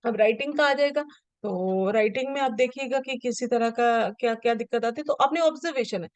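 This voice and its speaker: A woman's voice: a little high, a little fast, dry recording. A woman teaches in a patient, step-by-step way, stopping often to check that her listeners follow. Her delivery is plain classroom explanation. The recording is dry and close, with no room sound. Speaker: special education teacher. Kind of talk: explaining an assessment form to students.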